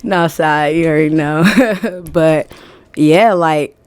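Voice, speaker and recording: A woman from New Jersey and Atlanta speaks in an unhurried, lowish voice, frank and emphatic, laughing often. The sound is dry and close, with no room ring. She is a guest in a casual podcast chat. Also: clean tone, dry recording. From born in New Jersey, raised in Atlanta. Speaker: music management guest.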